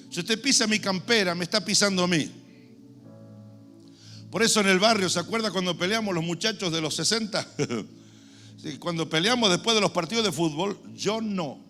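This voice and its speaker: A man, preaching a sermon in an animated way, asking the congregation questions and acting out the shouts of a crowd. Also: sits high. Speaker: pastor.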